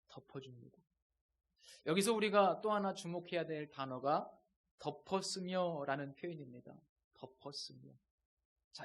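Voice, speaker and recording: A male pastor giving a sermon in a measured way, pausing for effect and letting his voice drop to a hush on key words. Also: sits high. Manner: measured preaching with dramatic pauses and dips in volume.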